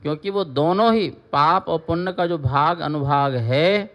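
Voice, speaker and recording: A man, a Jain monk, teaches scripture in a slow, unhurried voice that sits a little high. He chants verses with deliberate care, then explains each term, repeating it and asking his listeners questions. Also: lo-fi sound.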